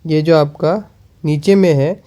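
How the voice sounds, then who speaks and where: A male teacher giving a chemistry lesson, repeating questions and answering them, and slowing down while he writes. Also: on the high side, steady tone, mellow.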